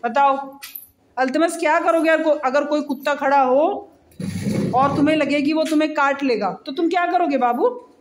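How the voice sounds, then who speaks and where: A woman telling a fable to a child, gently explaining and asking the child questions along the way. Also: sits high, normal speed, slight background noise. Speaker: storyteller to a child. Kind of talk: storytelling to a child. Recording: roomy echoey room.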